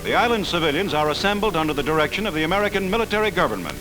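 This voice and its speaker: A man's voice: a little high, big pitch swings, racing, rough recording. A man narrating an old 1940s wartime newsreel in an urgent, declamatory voice. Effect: old wartime newsreel sound. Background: orchestral music.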